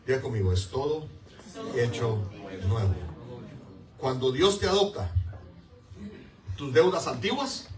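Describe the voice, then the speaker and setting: A man's voice: medium pitch, expressive, measured pace, pauses often, crowd noise. A man preaching a sermon as pastor, emphatic and repeating key words while calling on the congregation to answer. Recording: echoey room, mic far off.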